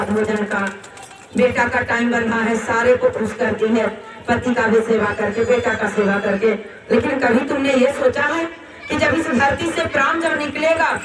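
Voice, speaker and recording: A woman preacher telling a devotional story in an earnest, animated way, often calling her listeners sister. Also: a little high. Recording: roomy hall, distant mic, crowd noise.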